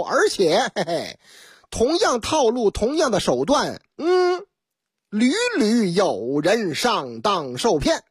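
A woman's voice: medium pitch, husky, dry recording, studio quality. A woman radio host with a Beijing accent, telling comic stories in a chatty, teasing way. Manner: chatty, teasing, lively asides. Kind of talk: Beijing-dialect comic storytelling.

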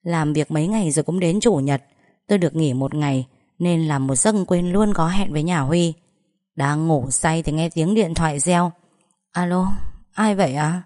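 A woman's voice: low voice, normal speed, dark tone. Woman narrating a first-person story.

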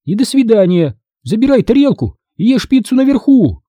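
Storybook mom, impatient scold, man reading, husky, animated. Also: extremely high pitch, normal speed, no room sound, studio quality, pitched above the performer's own voice, exaggerated voice.

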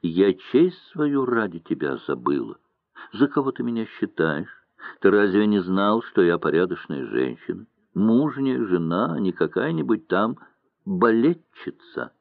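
A tearful woman begging and accusing her lover, as a male reader puts her on. The voice sits low but swings widely and takes its time. The sound is dry and thin, as if over a phone line. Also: big pitch swings, unhurried, creaky, no room sound, heavily acted. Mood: bitter. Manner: pleading, reproachful, tearful. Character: tearful pleading young mistress, woman. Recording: dry, tinny narrow-band sound.

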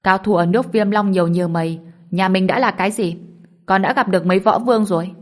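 A woman voicing an old male clan patriarch who scolds his sons in a commanding, loud voice, in a storybook reading. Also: mid-range voice, fairly even intonation, fairly quick, lightly acted. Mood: stern scolding.

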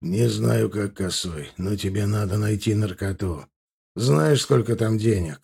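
A coarse, hot-tempered crime boss, voiced by a male audiobook reader, barking orders in a gravelly voice. He is blunt and bossy. The tone is dark and husky. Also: fairly low pitch, unhurried, full character voice. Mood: demanding.

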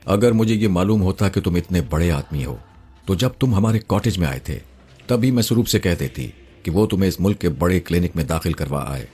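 A man's voice: deep voice, lively intonation, warm tone, slightly rough, soft background music. A man putting on an emotional young wife. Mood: earnest. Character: young woman, wife of his friend, emotional and wary.

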